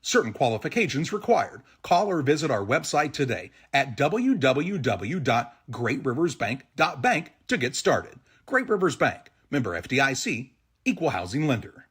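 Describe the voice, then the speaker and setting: A man with a husky voice reading a scripted commercial as an advertising voice. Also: medium pitch, very animated, moderate pace, fairly bright tone.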